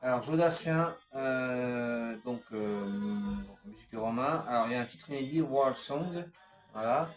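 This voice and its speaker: A man's voice: medium pitch, a little slow, reverberant, faint music behind. Hesitant man listing his CD collection. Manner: hesitant, many fillers, lists titles. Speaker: record collector showing his CDs. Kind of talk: casual unscripted collection vlog.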